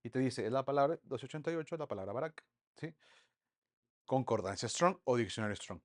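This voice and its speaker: A man teaching an online Bible study lesson, lively and full of rhetorical questions to the group. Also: medium pitch, fairly quick.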